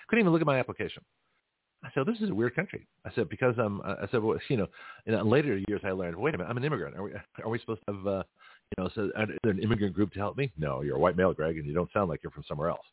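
On his talk radio show, a middle-aged man from Canada chuckles and restarts often as he rambles in an easygoing monologue. His voice is low-pitched and slightly rough. The sound is tinny phone-line audio without echo.

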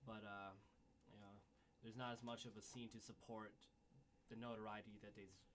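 A man's voice: fairly low pitch, level tone, moderate pace, a bit bright, a little hiss or hum. A man talking earnestly about local bands in a casual interview, with many "you know"s.

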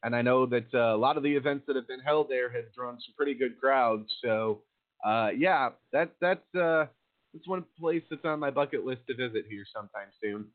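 A man's voice: medium pitch, normal speed. A man hosting a live wrestling talk radio show. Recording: thin phone-like internet radio sound.

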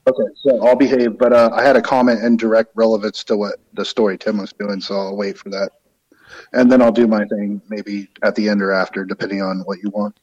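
A man's voice: fairly low pitch, little pitch movement, a little fast, darkish tone, dull audio. A man in casual, joking chat as a radio show guest, calling in from a living room full of reverb. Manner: joking, playful. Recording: echoey reverberant room, off mic.

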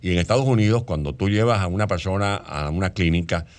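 Man, low-pitched guest author, talks at length in explanations. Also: fast talker. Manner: long explanatory answers. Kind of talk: radio interview.

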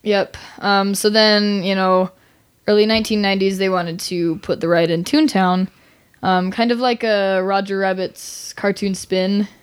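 A woman's voice: medium pitch, little pitch movement, measured pace, clean tone. A woman chatting informally and giggly as a podcast co-host. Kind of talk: casual chat.

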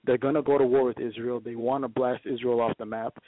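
A man's voice: mid-range voice, level tone, fast, a little hiss or hum. A man from Ethiopia calling in to a talk show, arguing history insistently in a lecturing way and stammering when cut off. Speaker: caller. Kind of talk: heated call-in debate. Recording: dry phone line.

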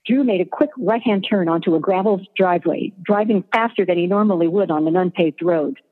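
A woman tells a story in a low, husky voice, her reading even and descriptive. The sound is thin and tinny, like a phone line, with a long reverb hanging after each phrase. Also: fairly quick. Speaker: narrator. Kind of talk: scripted story narration.

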